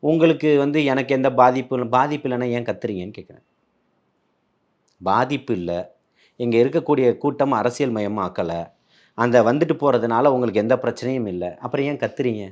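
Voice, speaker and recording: A man's voice: mid-range voice, a little fast, a little mellow. Combative man firing rhetorical questions. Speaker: political party spokesman. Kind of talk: heated political interview.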